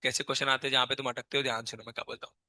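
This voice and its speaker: A man's voice: medium pitch, flat delivery, racing, pushed and bright, dry recording. A man teaching a live chemistry class with a sore, strained throat, constantly quizzing his students and scolding them.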